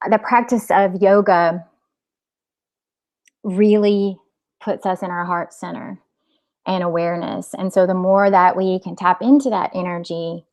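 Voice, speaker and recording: A woman speaking as a spiritual coach, giving an informal healing talk in a gentle, hesitant way with frequent pauses. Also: fairly low pitch. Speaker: spiritual coach and energy healer.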